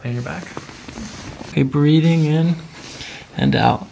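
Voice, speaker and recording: A middle-aged chiropractor with a fairly high, slightly slow voice and vocal fry gives a patient short, soothing step-by-step instructions during hands-on treatment. He's indoors in a small treatment office, with faint noise behind his voice.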